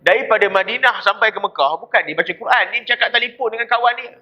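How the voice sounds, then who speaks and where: A man's voice: high voice, quick pace. A man with a Malaysian Malay accent giving a dawn mosque lecture as a religious teacher, telling stories with quoted voices. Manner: lively storytelling with quoted voices. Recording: dull lo-fi recording.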